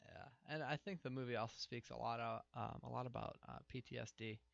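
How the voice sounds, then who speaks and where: Gravelly-voiced podcast co-host. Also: male voice, medium pitch, fairly even intonation, a little fast, fairly bright tone, no echo. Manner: gravelly, searching for words. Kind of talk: casual chat. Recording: dull lo-fi podcast audio.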